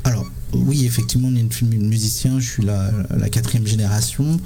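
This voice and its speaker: A man from Sri Lanka, in his thirties, answering interview questions as a musician guest, halting with many fillers and repeated words. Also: medium pitch, fairly even intonation, gravelly, mellow.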